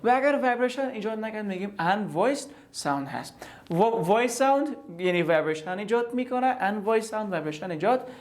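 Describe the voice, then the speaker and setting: A man's voice: sits high, expressive. Afghan Dari-accented man teaching pronunciation. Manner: patient, repetitive, demonstrates sounds aloud. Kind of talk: explanatory online lesson.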